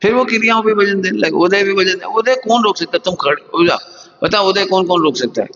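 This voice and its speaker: A man's voice: sits high, brisk, a bit bright. A man giving a spiritual sermon, plain-spoken, putting questions to his listeners and using homely examples. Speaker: Jain spiritual teacher. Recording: dull lo-fi hall recording.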